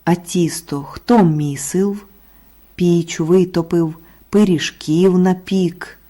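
A woman's voice: on the low side, fairly even intonation, takes it slowly, mellow. A woman voicing a hardworking, patient little rooster in a storybook tale, calling out earnestly. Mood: stern.

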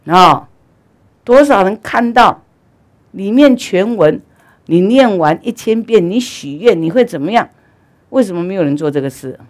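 A woman Buddhist teacher giving a dharma talk, telling stories animatedly, with loud urging and quiet asides. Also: medium pitch, lively intonation, unhurried, long pauses.

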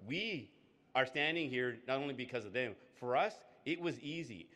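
A man addresses a hall as a politician. He is in his fifties and pauses often mid-phrase as he speaks into a podium microphone. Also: mid-range voice, expressive, a bit bright. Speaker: politician co-hosting an event. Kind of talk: public speech. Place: indoor hall, on stage at a podium.

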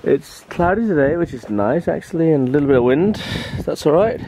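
Chatting brisk and casual into a handheld camera at arm's length, this thirty-something vlogger from Denmark has a fairly high, dark-toned voice with lively intonation. His rambling daily vlog, shot on a windy beach and partly at home, is full of laughs, baby talk to his dog, and wind noise on the camera mic.

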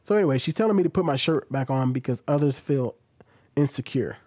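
A man in his thirties talks bluntly and casually, reacting with plenty of ums and restarts. His voice sits at an ordinary middle pitch. The sound is dry and close, from a studio mic on a boom arm in a room at home. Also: lively intonation, fairly quick, darkish tone, no echo. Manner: blunt, conversational, many fillers. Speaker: commentary vlogger. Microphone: studio XLR mic on boom, close.

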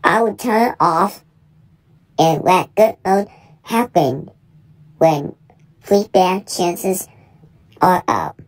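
A woman's voice: lowish voice, lively intonation, slow, pauses often. A woman narrating a skit and reacting plainly to what happens.

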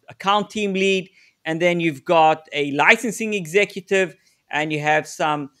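A man's voice: sits high, a bit bright. A man presenting a live webinar on negotiation, giving direct, coaching advice with frequent fillers and restarts, heard over a video call.

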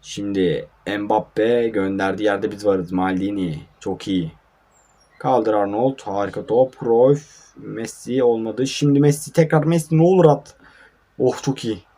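A man's voice: on the low side, measured pace, warm tone. A young man casually commentating his own mobile football match, sleepy and grumbling, with frustrated outbursts at his players. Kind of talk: casual live gameplay commentary. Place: at home at night.

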